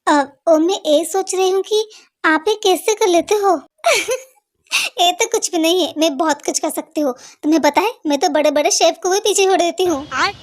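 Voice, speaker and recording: A woman with a strikingly high voice plays out the scenes of a homemade dub. Her lines are teasing and playful, full of quick back-and-forth banter. A steady hiss of noise sits under the recording. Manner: playful, teasing, animated dialogue. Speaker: fan dub voice-over artist. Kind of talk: hindi fan-dub dialogue acting. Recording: noisy home recording.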